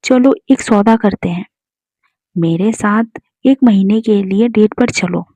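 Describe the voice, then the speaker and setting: A woman's voice: mid-range voice, slow, mellow, no echo. A woman voicing a rich, domineering young man, read out plainly in her own voice. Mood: bargaining. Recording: dull lo-fi recording.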